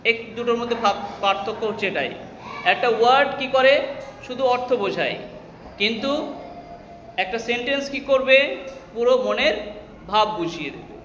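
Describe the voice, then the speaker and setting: Male classroom teacher, Bengali accent, high voice, echoey room with long reverb, asks the class questions and answers them himself. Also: lively intonation, moderate pace, long pauses, fairly bright tone, muffled recording, a little hiss or hum. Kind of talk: classroom English grammar lesson.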